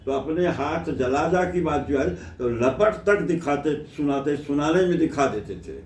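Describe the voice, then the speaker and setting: A man in his eighties, a classical music scholar, explaining slowly and reflectively in a conversational interview. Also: on the high side, lively intonation, darkish tone, slight background noise. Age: 80s. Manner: slow and deliberate, reflective, speaks with devotion. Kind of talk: conversational interview, with sung demonstrations. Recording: roomy, distant and dull-toned, faint ambience.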